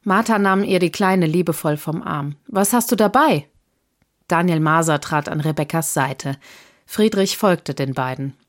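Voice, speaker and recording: A woman narrating a historical novel as an audiobook in a calm, measured way. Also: low-pitched.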